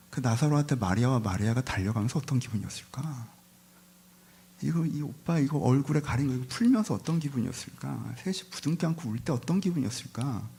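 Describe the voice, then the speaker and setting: A man's voice: mid-range voice, gravelly, dark tone, slight background noise. A male pastor giving an Easter Sunday sermon in a conversational style, asking the congregation rhetorical questions and slipping into casual asides. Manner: mixes polite speech with casual asides. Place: church service.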